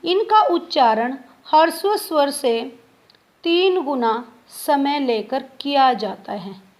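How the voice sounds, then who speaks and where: A woman's voice: sits high, expressive. A woman teacher giving a grammar lesson to students, spelling out sounds one by one. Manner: slow, spells out sounds letter by letter.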